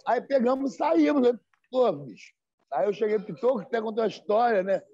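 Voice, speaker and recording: High-voiced rio guy, slangy, does the voices when he quotes people, dry dull mic. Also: expressive, fairly quick, mellow, slightly rough, no echo. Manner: slangy, peppered with "sacou" and "né, cara"; acts out quoted dialogue in livelier voices. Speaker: guest. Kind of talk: casual storytelling. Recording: dry, slightly dull sound.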